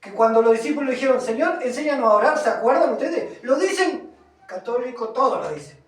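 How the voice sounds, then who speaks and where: Heard from far off in an echoey hall, a preacher with a mid-range, animated voice moves briskly through an emphatic sermon that is also streamed. He reads passages of scripture and questions the congregation.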